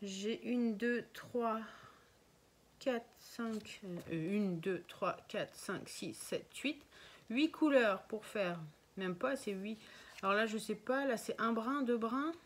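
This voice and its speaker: A woman's voice: on the high side, slow pace. A woman showing her craft purchases in a casual vlog, chatting and thinking aloud with frequent hesitations. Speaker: crafting vlogger. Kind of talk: casual show-and-tell vlog. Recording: noisy home recording with crinkling packaging.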